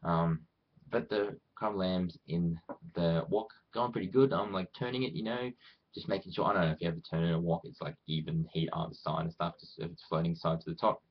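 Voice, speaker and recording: Talking straight to his viewers, this Australian vlogger speaks low and fairly quickly, with slightly rough texture and fairly even intonation, captured in lo-fi sound. His chat wanders, runs self-deprecating, and is full of acted-out imaginary quotes.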